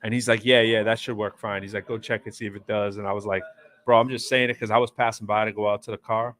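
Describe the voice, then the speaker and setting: This East Coast American man hosts a live stream show from a hotel area in New York City, chatting casually and spinning long, rambling stories full of fillers and restarts. His voice sits on the low side, a bit bright, delivered fast and flat.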